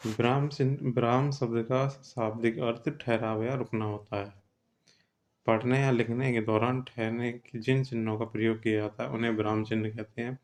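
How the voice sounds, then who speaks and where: A man's voice: mid-range voice, flat delivery, normal speed. A man teaching an exam-prep grammar lesson, explaining step by step and often checking with "theek hai".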